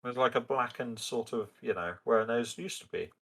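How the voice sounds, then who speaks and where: A man narrating a tabletop game as game master, in a halting, improvised way, often thinking aloud. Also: mid-range voice, gravelly, fairly bright tone.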